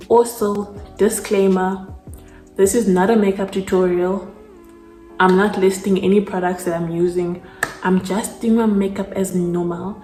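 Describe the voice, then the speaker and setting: With a mellow, fairly low voice, a young South African woman chats her way through her makeup routine, peppering her rambling with "like." She's a beauty vlogger filming a casual get-ready-with-me, and the room sounds echoey.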